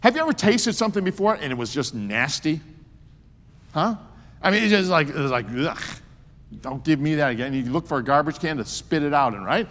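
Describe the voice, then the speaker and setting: A man's voice: a little high, animated, brisk, fairly bright tone. A man in his sixties preaching a sermon with emphasis and joking asides. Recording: long hall reverb.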